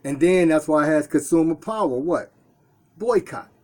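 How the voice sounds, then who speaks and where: A Detroit store owner, speaking at normal speed in a slightly high, expressive voice with a dark tone, addresses his self-filmed camera from the shop. He's earnest and casual, often repeating and restarting his phrases.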